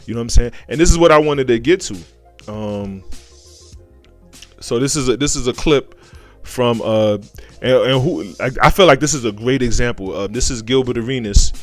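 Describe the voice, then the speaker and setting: An American man gives casual, opinionated commentary as a show host. His talk is slangy, and he circles back to repeat phrases until they land. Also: medium pitch.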